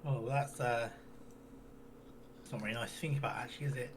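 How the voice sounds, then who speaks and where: A man voicing a wandering half-elf male handyman in a tabletop role-play, talking in a folksy, rough way full of fillers. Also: medium pitch, steady tone, fast talker, slight background noise, voice pushed down, lightly acted. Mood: rambling.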